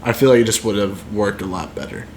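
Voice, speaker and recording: A man's voice: lowish voice, lively intonation, fast talker, a little mellow, slight background noise. Blunt young man on a podcast. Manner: blunt, dry, swears. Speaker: podcast co-host. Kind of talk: casual film review chat.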